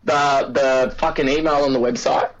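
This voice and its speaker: A man's voice: mid-range voice, fairly even intonation, moderate pace, lo-fi sound. An Australian man, a guest actor, telling stories in casual, sweary, laughing chat. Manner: laid-back storyteller, sweary, laughs often.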